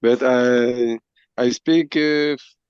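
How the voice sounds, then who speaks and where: A man's voice: medium pitch, fairly even intonation, takes it slowly, a little mellow, smooth, dry recording. A man whose first language is French, hesitantly introducing himself in an online meeting. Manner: hesitant, searching for words. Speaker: meeting attendee. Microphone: video call. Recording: dull dry online call audio.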